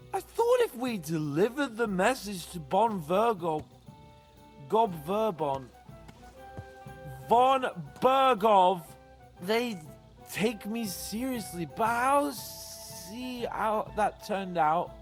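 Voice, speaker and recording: A brash young lord in a medieval game, high and lively, with slow, drawn-out crude banter. Soft music plays under the game audio. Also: male voice, exaggerated voice. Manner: crude, joking, loud banter. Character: brash young nobleman, boastful and resentful. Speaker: game character.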